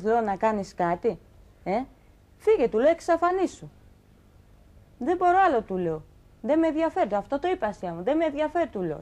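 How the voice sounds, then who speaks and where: A young woman guest on a talk show, telling her own story in an animated way and acting out the dialogue she quotes. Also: a little high. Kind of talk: emotional personal account on a talk show.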